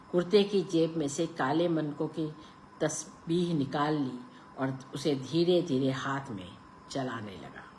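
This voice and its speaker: A woman storyteller narrates in a hushed, deliberate delivery. Her voice sits low and moves slowly, with a faint background noise.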